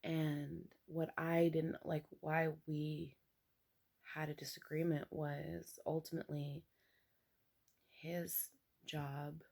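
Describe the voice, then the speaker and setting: Young woman vlogger, low gravelly husky voice, hushed half-whisper, rambling casual chat. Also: flat delivery, slow pace. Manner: hushed, half whispering so as not to wake someone; rambling with many fillers and restarts. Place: home, early morning.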